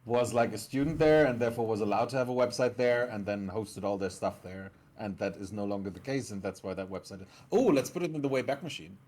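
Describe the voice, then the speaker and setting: A man's voice: lowish voice, fast talker, few pauses, a little mellow. A man co-hosting a game stream, talking casually and thoughtfully with hesitations. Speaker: stream co-host. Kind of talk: casual chat.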